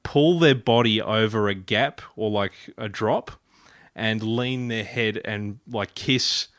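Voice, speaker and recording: A man's voice: on the low side, slow, a bit bright, no echo, clean studio sound. A man from Ireland, hosting a podcast in a playful, rambling casual chat. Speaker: podcast host.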